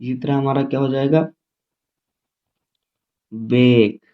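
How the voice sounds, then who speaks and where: A man teaching English phonics in a slow, repetitive classroom style, spelling words out letter by letter. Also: mid-range voice. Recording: tinny phone-like audio.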